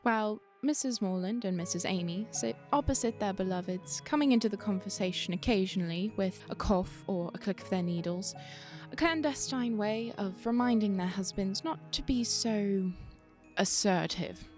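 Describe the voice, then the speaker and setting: A woman's voice: mid-range voice, normal speed, a little mellow, lightly acted. A woman playing a teasing, worldly fairy storyteller, narrating an audio drama in an arch, theatrical way. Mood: arch, knowing. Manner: arch, conversational. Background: music.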